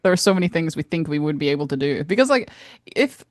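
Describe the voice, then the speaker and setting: A woman co-hosting a podcast chats casually in a deep voice, talking fast and animatedly. The sound is dry and studio-clean.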